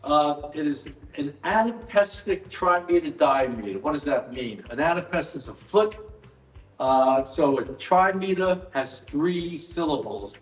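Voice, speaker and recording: A man presenting his book at a live event, explaining in a measured way with dry asides. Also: on the high side, expressive. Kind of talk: live explanatory talk to an audience. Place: event hall at a book fair. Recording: roomy hall echo, mic some distance off, faint music.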